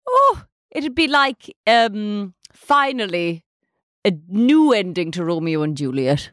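A woman's voice: medium pitch, very animated, slow, fairly bright tone, dry recording, studio quality. A woman playing a dreamy, gushing media personality on an improvised comedy panel.

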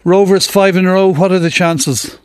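A man's voice: sits high, fairly even intonation, moderate pace, a little mellow, clean tone, no echo. Irish male sports presenter, dry studio sound. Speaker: radio sports news presenter. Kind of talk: live sports bulletin and interview. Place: radio studio.

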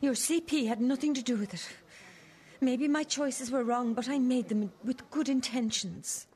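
A woman's voice: high voice, normal speed, dark tone, natural voice. A woman acting as a guilty, defensive older mother in a drama, pleading and hesitant with her estranged daughter. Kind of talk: dramatic two-hander dialogue.

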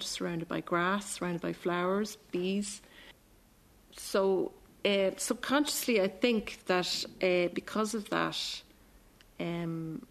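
A woman with an Irish midlands accent recalls her own life. Her voice sits fairly low with plenty of creak, and she pauses to think as she goes. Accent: Irish midlands and border (Cavan). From County Cavan, Ireland. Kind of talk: reflective personal storytelling.

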